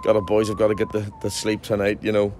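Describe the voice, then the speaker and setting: Male football manager, 40s, low voice; loose post-match chat outdoors, lots of restarts. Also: monotone, fast talker, a little mellow. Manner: chatty, frequent restarts and fillers. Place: outdoors at a football ground at night.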